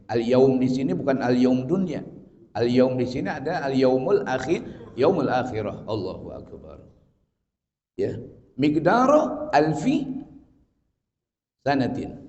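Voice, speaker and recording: Animated preacher in an echoing hall. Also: male voice, medium pitch. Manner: animated, joking, jumps between Arabic recitation and slang, swings from loud to soft. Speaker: Islamic preacher teaching tafsir. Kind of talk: casual sermon lesson. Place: large prayer hall. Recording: dull lo-fi audio in a long-echo hall.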